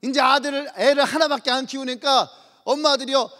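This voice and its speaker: A man preaching a sermon as pastor, telling stories with a lively manner, acting out little scenes and calling out hallelujah to the congregation. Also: very high voice, fairly quick. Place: church sanctuary. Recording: long church-hall reverb.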